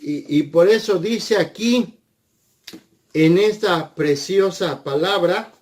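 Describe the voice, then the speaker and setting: Guy preaching real slow, kinda high voice, keeps asking the crowd stuff. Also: a little mellow, a little hiss or hum. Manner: slow, deliberate, asks the audience questions. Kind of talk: sermon.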